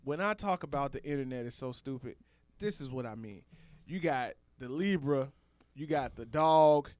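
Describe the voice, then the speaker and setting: A man's voice: medium pitch, animated, moderate pace, a little mellow, dry recording. A man co-hosting a podcast in casual chat, with wry, teasing remarks. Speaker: podcast co-host.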